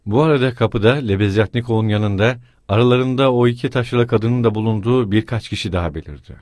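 A man reading a novel aloud as an audiobook narrator, in a dramatic, expressive manner. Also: medium pitch, fast, no room sound. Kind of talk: scripted literary narration.

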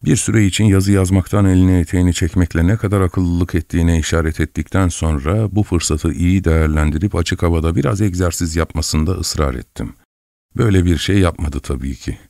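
Deep-voiced male audiobook narrator. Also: creaky, no echo, clean studio sound. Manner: measured, expressive first-person storytelling.

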